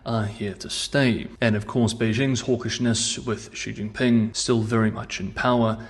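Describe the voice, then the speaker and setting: A man's voice: on the low side, steady tone, normal speed. Male news host on a meeting room mic. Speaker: host of a news analysis show. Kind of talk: scripted news commentary.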